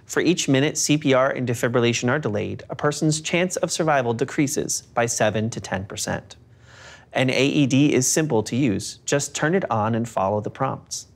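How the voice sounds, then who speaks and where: A man narrating a scripted first-aid lesson in a calm, step-by-step instructive manner. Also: medium pitch, normal speed, gravelly.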